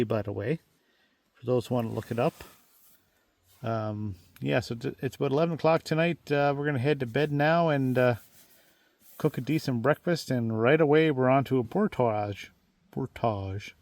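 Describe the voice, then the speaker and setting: A man's voice: medium pitch, vocal fry, darkish tone, no room sound. A man vlogging casually at a campsite, joking and playfully boastful. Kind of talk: casual camping vlog chat. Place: outdoors at a backcountry campsite.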